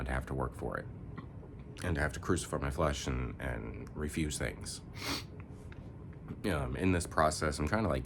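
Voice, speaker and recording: A man's voice: a bass voice, noisy background. A young man, congested, rambling reflectively in a candid personal vlog with many filler words. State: congested, coughing. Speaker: vlogger.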